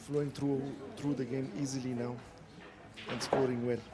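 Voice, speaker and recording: A man's voice: mid-range voice, level tone, normal speed. A man giving live darts commentary as one of a pair of commentators. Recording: clearly noisy live event sound.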